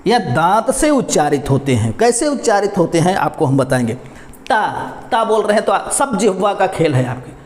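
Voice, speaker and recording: A man with a fairly high voice teaches pronunciation patiently, drilling syllables one by one and putting questions to his students. He calls them his dear children. The room around him is echoey. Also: big pitch swings, normal speed. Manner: patient, repeats syllables and asks questions to the class; addresses viewers as "my dear children". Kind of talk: Hindi pronunciation lesson.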